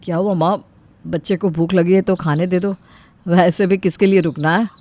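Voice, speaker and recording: Mild grown son, done by a woman, soft low voice, placating, storybook character. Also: fairly even intonation, normal speed, lightly acted. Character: calm grown son, mild father of the house.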